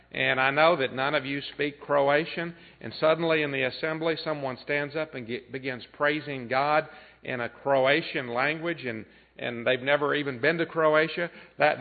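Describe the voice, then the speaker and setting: A man preaching a sermon to his church, explaining scripture plainly and often pausing with "uh" and clearing his throat. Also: mid-range voice. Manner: unhurried teaching with frequent "uh" fillers and throat clearing. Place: church assembly. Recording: tinny phone-like sound.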